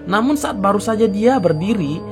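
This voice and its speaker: A chatty woman reads a horror chat story aloud at a middle pitch, stopping often to talk to her listeners. Quiet music plays underneath her. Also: animated, moderate pace. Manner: chatty, keeps addressing the audience. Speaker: storyteller, channel host.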